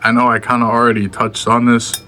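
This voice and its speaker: A man's voice: mid-range voice, monotone, a little fast, bright, forceful tone, slight background noise. A young man chatting casually to the camera in a laid-back, slangy way, sometimes talking with his mouth full. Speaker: vlogger. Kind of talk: casual vlog chat.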